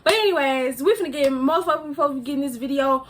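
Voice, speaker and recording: A woman's voice: high voice, fast. A young woman chatting casually in a vlog while eating, mumbling through her food and talking into her phone's front camera. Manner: talks while chewing, mumbling. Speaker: YouTuber.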